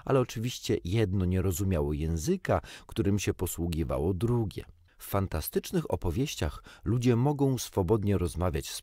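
A man reading a children's storybook aloud with gently wry, expressive storytelling. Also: deep voice, slightly rough, no echo, clean studio sound. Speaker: audiobook reader. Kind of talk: storybook narration.

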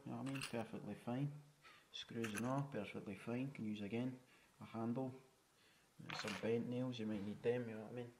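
A home renovator gives a chatty walkthrough tour of the flat he's renovating, recorded on a handheld camera mic indoors. He's frugal, swears casually and keeps saying "you know what I mean." His voice is medium-pitched, with background noise present.

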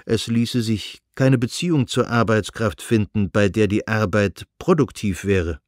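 A man's voice: lowish voice, steady tone, a little slow, no echo, studio quality, lightly acted. A man voicing an intense young male landowner who argues insistently and earnestly, as in a read-aloud novel.

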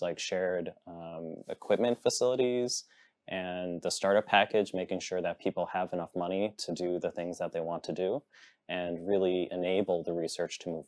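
A Massachusetts man in his thirties speaks earnestly as a new faculty member on a panel discussion in a television studio. His voice sits low and a little mellow, with frequent ums and no room sound.

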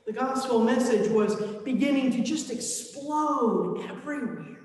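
A woman priest delivers a sermon, slow and reflective, in a storytelling way. Her voice is high and rings with the long reverb of the church. She is heard from a distance off the mic. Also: animated, darkish tone, a little hiss or hum. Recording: echoey church, mic far off.

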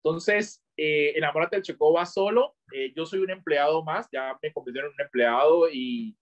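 Halting man on a dull video call. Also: on the high side. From Colombia. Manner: halting, restarts often, gestures while talking. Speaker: podcast guest. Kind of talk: casual interview talk.

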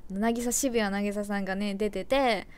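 A woman's voice: medium pitch, fairly even intonation, measured pace, smooth. A young woman idol chatting casually on a livestream, rambling and giggly and correcting herself as she goes.

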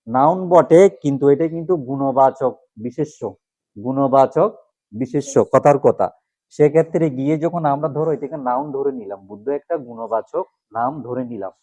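A man's voice: mid-range voice, mellow, dry recording, dull audio. Man drilling letters in a dry room. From Bangladesh. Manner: asks questions and repeats answers. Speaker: teacher. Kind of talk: classroom lesson on alphabet pronunciation.

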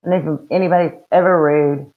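Speaking fairly quickly in a deep voice with fairly even intonation, a middle-aged woman with a Southern US accent talks true crime on a livestream she co-hosts from a room at home. Her casual chat is blunt and folksy. Heard through a webcam on a video call, the sound is dull and lo-fi.

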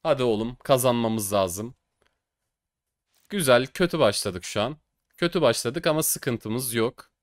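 A young man giving casual, excitable commentary while opening cases, boasting loudly and groaning at losses. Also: medium pitch, measured pace, long pauses, no echo, studio quality. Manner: excitable, swings between boasting shouts and mock crying. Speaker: gaming streamer.

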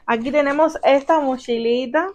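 In this casual unboxing vlog, a young Cuban woman with a Cuban accent opens gifts at home, exclaiming with delight and calling her viewers family; she is a mother. Her high, slightly mellow voice moves at a moderate pace. There's slight background noise.

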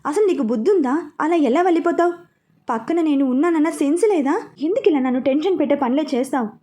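A woman voicing a protective, quick-tempered young man who scolds out of worry. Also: high voice, dark tone, natural voice. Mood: angry. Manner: scolding, anxious.

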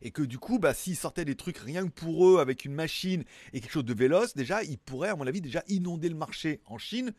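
A man's voice: a little high, animated, a little fast, hardly any pauses, a little mellow, no room sound. A man hosting a casual tech news show, chatting in a rambling, jokey way with frequent asides. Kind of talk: casual chat.

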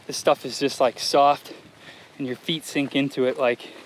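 A man's voice: mid-range voice, steady tone, moderate pace, slight background noise. A man walking a long desert trail and talking to his camera in an easygoing, rambling, reflective way, with plenty of "uh" and "like". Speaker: solo thru-hiker filming his trip. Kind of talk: casual vlog narration. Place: outdoors in open desert.

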